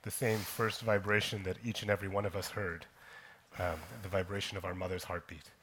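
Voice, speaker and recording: A man from Kenya telling his personal story on a conference stage, slow and deliberate, with frequent pauses and "um"s. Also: deep voice, little pitch movement, fairly bright tone, a little hiss or hum. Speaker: conference speaker, company co-founder.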